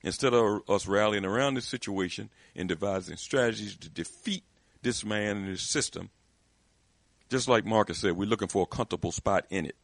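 A man's voice: on the low side, brisk, no room sound. A man speaking with emphatic conviction in a discussion, often restarting his sentences. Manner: emphatic, repetitive restarts, rising intensity. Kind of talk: impassioned discussion.

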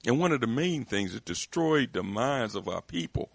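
This man has a medium-pitched, sing-song, creaky voice, heard without echo at normal speed. Speaking with firm conviction, he often starts his sentences over and grows more intense throughout a heated discussion.

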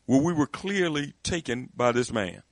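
His medium-pitched voice is expressive and moderately paced, recorded with no echo. The man makes his points in an impassioned discussion with strong conviction, frequently restarting sentences and growing more intense.

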